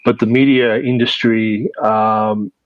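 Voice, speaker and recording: Man speaking slowly, muffled and dry. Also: fairly low pitch, flat delivery, no echo. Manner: measured, many fillers and restarts. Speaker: interview guest, media producer. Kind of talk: casual interview answers. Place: based in Vietnam.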